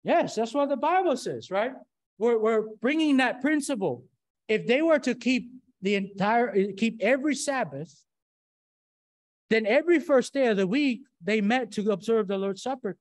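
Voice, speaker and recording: A man's voice: very high voice, expressive, moderate pace. A middle-aged man teaching a Bible study from a church lectern, talking in a conversational way and often checking in with "right?" and rhetorical questions. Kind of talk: classroom-style sermon with fill-in-the-blank slides. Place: church room, standing at a lectern.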